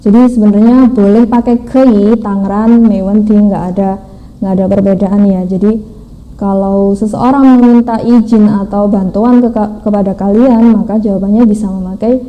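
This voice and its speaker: A woman teaching a language class, explaining slowly step by step and mixing in English phrases. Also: medium pitch, steady tone, muffled recording. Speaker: Mandarin teacher. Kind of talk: online language lesson.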